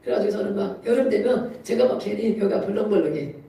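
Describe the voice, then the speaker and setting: Preacher, conversational sermon, laughs often, bursts of emphasis, mellow voice, distant mic, very echoey church hall. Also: mid-range voice, expressive, fast talker, vocal fry. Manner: chatty storytelling with frequent laughs; rising to emphatic exhortation. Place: church sanctuary.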